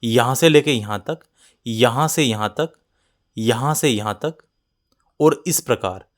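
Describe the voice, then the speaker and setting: A man's voice: mid-range voice, unhurried. A man teaching a Hindi grammar lesson for exam students, explaining step by step and speaking directly to the class over a close voice-over mic.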